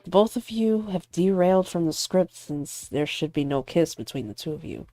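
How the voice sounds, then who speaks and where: A woman's voice: fairly low pitch, expressive, moderate pace, dark tone, no echo, faint music behind. A woman voicing an exasperated male film director who firmly scolds his actors. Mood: stern. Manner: firm, scolding.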